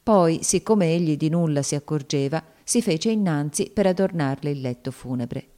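A woman narrating a novel in a measured, solemn audiobook reading. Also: deep voice, expressive, mellow.

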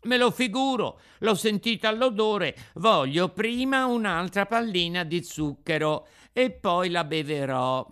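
A man's voice: expressive, unhurried, few pauses, fairly bright tone, clean tone. A man doing a whiny wooden puppet boy. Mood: stubborn whining. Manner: whining, shrill protests.

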